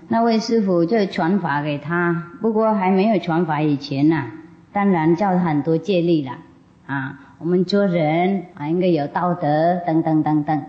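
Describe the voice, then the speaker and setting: A woman spiritual teacher telling a story to an audience in a folksy, chatty way, often laughing. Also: lowish voice. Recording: dull lo-fi recording.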